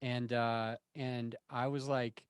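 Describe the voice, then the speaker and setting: A man's voice: mid-range voice, little pitch movement, slow pace, a little hiss or hum. A man of forty-one telling candid, self-deprecating stories in a casual interview, rambling and restarting his sentences. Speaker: interview guest.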